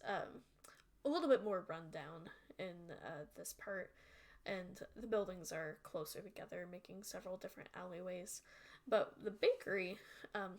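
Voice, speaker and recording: A woman narrating a tabletop game as game master, in a chatty, giggly way full of fillers. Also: on the low side.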